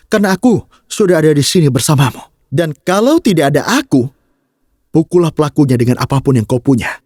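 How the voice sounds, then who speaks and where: A man's voice: on the high side, a little mellow, no echo, clean studio sound. An actor dubbing a hot-headed young husband who scolds and pleads with his wife in a TV drama. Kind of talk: dubbed TV drama.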